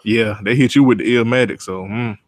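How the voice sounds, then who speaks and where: A man's voice: fairly low pitch, fairly even intonation, a little fast, no echo. Laid-back man chiming in, dry mic. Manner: laid-back, short interjections. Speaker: podcast co-host. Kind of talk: casual chat.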